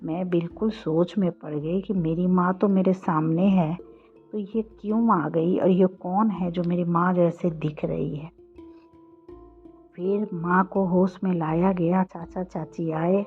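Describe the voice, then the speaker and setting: A woman narrating a first-person horror story, slow, flat and hushed. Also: lowish voice. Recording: dull lo-fi audio with faint music.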